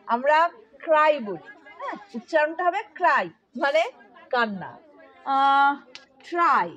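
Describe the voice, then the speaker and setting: High-voiced woman teaching English. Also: a bit bright. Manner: patient, asks pupils questions often. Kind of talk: explaining to students.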